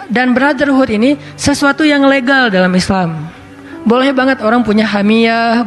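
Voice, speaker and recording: A man with a strikingly high voice delivers a relaxed, chatty sermon, talking like he is among friends. He weaves recited scripture into the talk, with soft music faint in the background. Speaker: preacher. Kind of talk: casual sermon.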